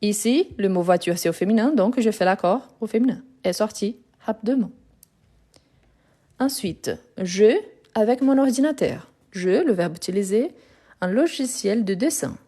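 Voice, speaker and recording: Woman, language teacher, live lesson, phone mic, mellow tone, patient, repetitive explanations. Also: mid-range voice, expressive, normal speed. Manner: explains patiently, repeats and self-corrects. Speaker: French teacher. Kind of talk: live online grammar lesson.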